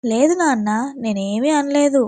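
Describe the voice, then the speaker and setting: A harsh mother-in-law, voiced by a woman storyteller, speaks curtly and with scorn. The voice sits fairly high, with a dry, close sound. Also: unhurried, dark tone, no room sound. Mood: dismissive.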